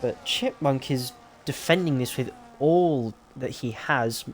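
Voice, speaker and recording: A man giving excitable, rapid play-by-play as the lead commentator of a live sim racing broadcast. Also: mid-range voice, a little hiss or hum.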